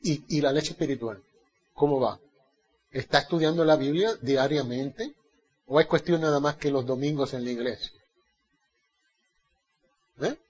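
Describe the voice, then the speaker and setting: Male preacher, bible study sermon, high voice, husky tone, muffled lo-fi recording. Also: in a large hall. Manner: asks the congregation questions and answers them; swings from loud emphasis to soft, low asides.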